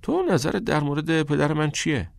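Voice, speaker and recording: A frustrated, angry teenage student, as a man reading a novel puts him on. He snaps out sharp, scornful lines in a voice somewhat above the reader's own. The recording is dry and close. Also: a little high, vocal fry, dry recording, pitched above the performer's own voice. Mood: bitter.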